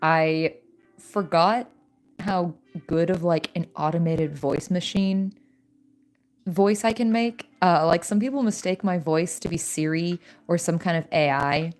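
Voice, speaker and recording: Young woman, streamer, soft-spoken, slightly low voice, chatty, lots of fillers and small laughs. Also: measured pace, soft background music. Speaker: streamer working on an animatic. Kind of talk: casual chat.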